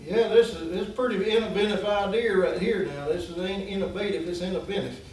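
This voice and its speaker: A man with a drawl spins a rambling, folksy yarn in a fairly high voice. He is picked up from well away from the mic, in a very echoey space with faint hiss underneath. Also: brisk, distant mic. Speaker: guest storyteller. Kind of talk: casual storytelling.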